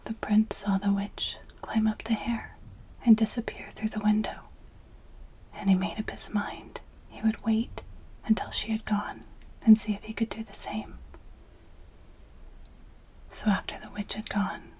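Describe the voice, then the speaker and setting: A woman reads a fairytale as ASMR in a breathy, unvoiced whisper, very close to the ear. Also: mid-range voice, level tone, unhurried, long pauses, warm tone, low-quality recording. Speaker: storyteller. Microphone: close ear-to-ear microphone.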